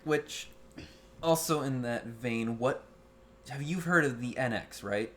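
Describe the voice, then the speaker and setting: Woman, very low voice, relaxed casual podcast co-host, faint noise. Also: takes it slowly. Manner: laid-back, laughs often, swears. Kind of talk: casual chat.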